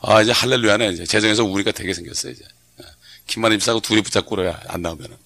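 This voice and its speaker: A man's voice: lowish voice, rapid-fire, sharp tone, slight background noise. A middle-aged man preaching a sermon as pastor, talking in a conversational way and often asking the congregation short questions for a response.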